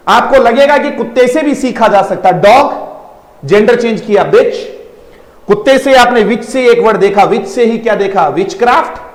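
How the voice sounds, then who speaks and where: A man's voice: very high voice, echoey room. A man teaching an online vocabulary lesson, repeating words in drills and coaxing his students to answer. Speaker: English teacher.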